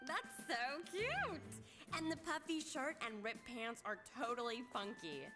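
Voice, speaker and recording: A woman's voice: fairly high pitch, big pitch swings, a little slow. An actress playing a bubbly, fashion-loving teenage girl who gushes in trendy slang. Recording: cartoon soundtrack with music.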